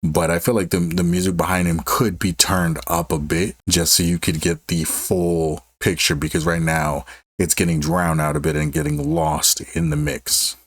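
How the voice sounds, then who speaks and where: A man's voice: low voice, moderate pace. A man giving casual reaction commentary on music as a host, drawing out words for emphasis.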